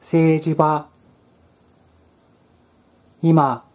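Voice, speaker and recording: A speaker putting on a flat robot voice. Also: mid-range voice, very slow. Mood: mechanical. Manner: monotone flat reading, mechanical. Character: flat robotic machine-like clerk voice. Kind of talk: mock demonstration in a talk.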